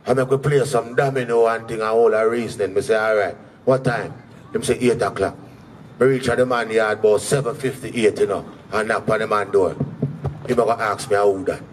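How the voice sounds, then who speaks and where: A man's voice: fairly low pitch, steady tone, brisk. Jamaican man doing stand-up, distant mic. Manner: patois storytelling, acting out quoted characters. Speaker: stand-up comedian. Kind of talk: stand-up comedy storytelling. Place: live comedy venue with an audience. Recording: distant mic, faint crowd and room noise.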